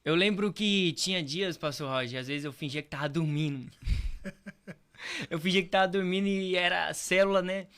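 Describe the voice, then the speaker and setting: A high, slightly bright, clean-toned male voice at normal speed belongs to a young pastor from Brazil. As a podcast guest he recounts his faith in a relaxed testimony, earnestly repeating himself and adding many tag questions.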